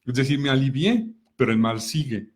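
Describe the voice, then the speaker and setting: Middle-aged man, co-host, calm explainer, stacks rhetorical questions. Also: medium pitch, brisk, breathy edge. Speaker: co-host of a personal growth talk. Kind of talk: explanatory talk with examples.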